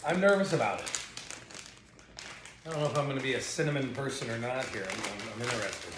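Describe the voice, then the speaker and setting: Co-hosting a snack taste test, a man chats casually and fast in a mid-range voice, crunching chips between remarks. The room is echoey with faint noise.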